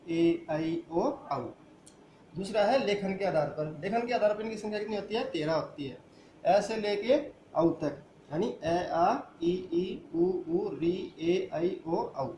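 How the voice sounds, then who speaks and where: A man's voice: sits high, mellow, echoey room, a little hiss or hum. A man teaching a grammar lesson who asks the class questions and answers them himself. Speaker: school teacher.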